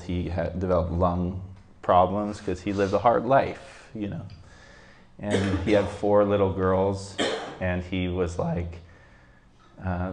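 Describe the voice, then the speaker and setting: Low voiced guy sharing a personal story to a group, lots of um and like, echoey room. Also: a little mellow. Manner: halting, reflective, many fillers. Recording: roomy echo.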